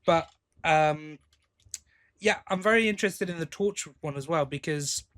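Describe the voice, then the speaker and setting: As a podcast co-host, a man with a slightly high, fairly bright voice chats casually about audio drama releases at a moderate pace. He rambles and hesitates, often tacking little questions onto the ends of his thoughts.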